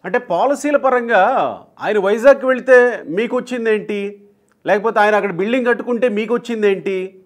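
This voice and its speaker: A man's voice: high voice, a little fast. A man hosting a political interview for a news channel, putting needling, provocative questions to his guest.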